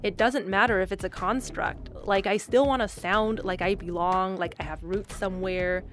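A woman in her thirties telling personal anecdotes in a casual, animated, wry way. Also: medium pitch, moderate pace, soft background music. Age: 30s.

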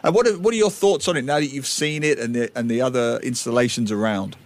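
Mid-pitched man co-hosting a radio show. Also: fast. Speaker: radio interview co-host. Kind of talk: casual radio interview.

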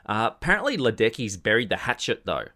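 Low-voiced Australian man, blokey podcast host. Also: very animated, fast, sharp tone. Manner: blokey, tongue-in-cheek, slangy. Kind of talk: casual comedic sports chat.

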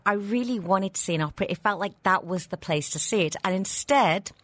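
A female radio host who talks in a chatty, playful way and laughs often. Her voice has a middle pitch for a woman. The recording is close and dry, as in a radio studio. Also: brisk, a bit bright, dry recording. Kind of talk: casual radio interview.

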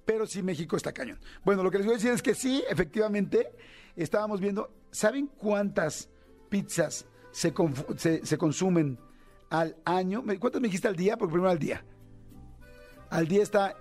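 A man's voice: high-pitched, moderate pace, darkish tone, faint music behind. A man with a Mexican accent hosting a radio show, chatting casually and joking, rambling with fillers as he thinks aloud. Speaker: radio host. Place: radio studio.

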